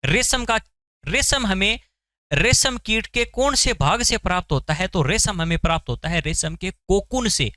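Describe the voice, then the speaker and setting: Bright-voiced male science teacher. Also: high-pitched, animated, normal speed, dry recording. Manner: asks questions then answers them; repeats key terms for memorizing. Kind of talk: exam-prep lecture.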